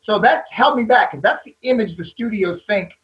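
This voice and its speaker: A man with a high voice speaks on a panel about his acting career. He talks candidly and rambles, restarting his sentences as he goes. The recording sounds somewhat dull and lo-fi. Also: lively intonation, moderate pace. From American South. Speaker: actor, panel guest. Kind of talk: panel discussion.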